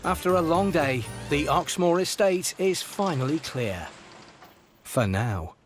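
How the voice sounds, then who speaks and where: A man giving wry, measured scripted documentary narration. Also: a little high, animated. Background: music.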